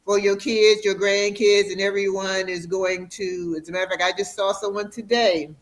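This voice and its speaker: A middle-aged woman, a radiation oncologist, explaining in an interview, slowing down to stress key points. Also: medium pitch, little pitch movement. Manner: warm, explanatory, slows for emphasis. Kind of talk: educational interview.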